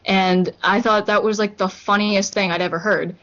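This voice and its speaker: A young Hong Kong woman co-hosting a podcast chats casually in a group, rambling with many fillers and restarts. Her mid-range voice is a bit bright, with fairly even intonation and normal speed, and the recording is muffled and lo-fi.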